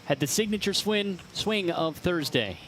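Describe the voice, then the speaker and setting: A man as lead golf commentator, calling play concisely with measured delivery of facts and yardages. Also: high voice, animated, background noise.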